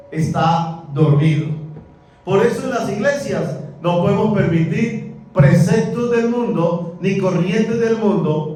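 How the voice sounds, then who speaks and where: Preacher in an echoey church. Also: male voice, sits high. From Colombia. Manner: animated, asks the congregation questions. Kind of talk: sermon. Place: church hall. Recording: echoey church, mic far off.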